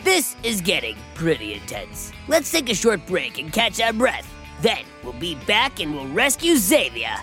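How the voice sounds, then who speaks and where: A chatty sidekick host, played by a woman, narrates a children's adventure with wildly swinging intonation. The voice sits a little low and is theatrical and put-upon, with faint music behind. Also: huge pitch swings, unhurried, few pauses, a bit bright, exaggerated voice. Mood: wry. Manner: theatrical, conversational. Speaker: story host. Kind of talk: animated children's story narration.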